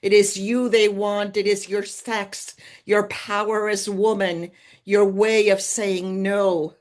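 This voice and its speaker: A woman voicing a frantic old grandmother who urgently pleads with her granddaughter to run, spoken slowly. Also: mid-range voice, flat delivery, natural voice. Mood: urgent pleading.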